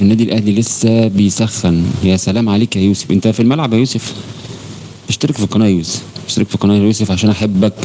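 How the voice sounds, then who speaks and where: A man with an Egyptian Arabic accent hosts a casual football live stream. His voice sits very low and the words tumble out fast, warm and familiar as he greets viewers by name and swears oaths. Faint noise hums behind him. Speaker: football channel host.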